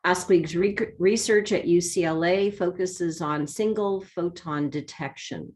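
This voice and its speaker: A woman hosting an online seminar, giving a measured, formal introduction with an occasional filler. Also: on the low side, a little mellow. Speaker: seminar host. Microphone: video call.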